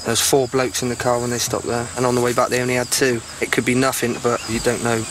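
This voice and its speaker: A man's voice: medium pitch, completely flat delivery, fast. A British man, a marine, chatting casually in an outdoor interview in an understated, slangy way. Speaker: marine on sentry duty. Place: outdoors at a sentry post. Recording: loud outdoor background noise.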